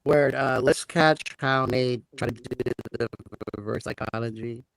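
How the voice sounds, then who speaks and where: A man joining a casual call-in chat over a remote line that keeps breaking up, talking in a halting, hesitant way. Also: mid-range voice, vocal fry. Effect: remote call audio breaking up. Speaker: call-in panelist. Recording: distant, choppy call line.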